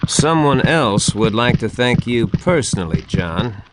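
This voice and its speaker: An actor playing a matter-of-fact government official in a video game cutscene, formal and businesslike. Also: male voice, mid-range voice, lively intonation, measured pace, background noise, natural voice.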